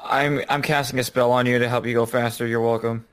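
A man's voice: medium pitch, flat delivery, a little fast. A man playing a tabletop role-playing game with casual, mock-indignant banter.

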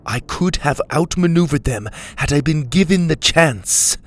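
A man's voice: fairly high pitch, animated, unhurried, voice pushed up. A man voicing a stern, proud young woman pilot in a storybook reading, curt and commanding. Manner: curt, authoritative.

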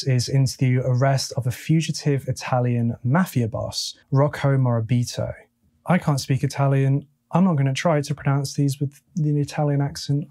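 Male true crime host, mid-pitched, chatty recap voice, dry close sound. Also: a little mellow, no echo. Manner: reads case details with plain, chatty asides. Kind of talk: casual narrated case recap.

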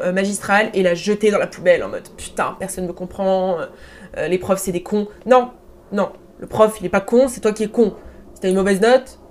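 A young woman hosting her own podcast, talking casually and informally with slang and plenty of fillers. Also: mid-range voice. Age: young adult. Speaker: podcast host. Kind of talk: casual solo podcast talk. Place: room at home, seated on a chair.

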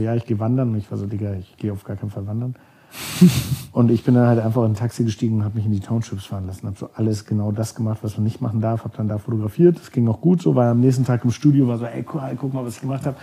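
A man's voice: medium pitch, mellow, husky. A man from Germany, a podcast guest, telling stories casually and rambling, often searching for words with many fillers. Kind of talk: casual storytelling.

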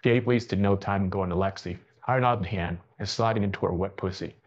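Brief: low-pitched male storyteller, steady read, muffled lo-fi sound. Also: a little fast. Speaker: narrator. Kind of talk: reading a story aloud.

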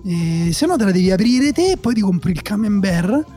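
Emphatic, high-pitched man. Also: sing-song, fairly quick, warm tone. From Italy. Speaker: podcast co-host. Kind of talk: casual chat with listener messages. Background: music.

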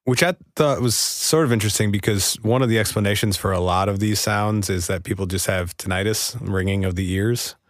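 A man's voice: on the low side, brisk, hardly any pauses, no echo, studio quality. A man co-hosting a podcast, casually explaining things and teasing his co-host. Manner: explanatory, plays audio clips, teasing.

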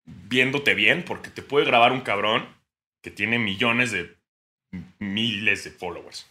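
A young Mexican man co-hosting a podcast, joking around and laughing a lot, sometimes breaking into loud mock shouting. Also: fairly low pitch, slow. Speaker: podcast co-host. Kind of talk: casual comedic chat.

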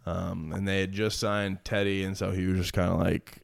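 A man's voice: low voice, little pitch movement, normal speed, gravelly, dry recording, clean studio sound. A young man in his twenties, a pro football player, chatting casually and telling stories with lots of fillers and laughs. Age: 20s. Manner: laid-back, many fillers, laughs while telling stories. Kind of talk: casual chat, storytelling.

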